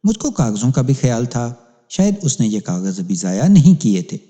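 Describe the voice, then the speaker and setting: A man's voice: mid-range voice, big pitch swings, dark tone. A man narrating a crime story as a police inspector, in an emphatic, dramatic reading. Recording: long hall reverb.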